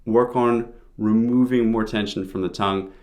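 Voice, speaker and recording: A man's voice: lowish voice, fairly even intonation, moderate pace, a little mellow, a little hiss or hum. A man giving an informal pronunciation lesson, explaining sounds step by step as a teacher.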